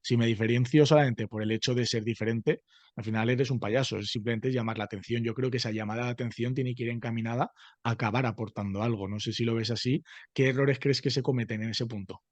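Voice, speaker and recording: A man's voice: medium pitch, fairly even intonation, fast talker, no echo. A man hosting a podcast interview, asking long, reflective questions that frame his view before he asks. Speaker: podcast host.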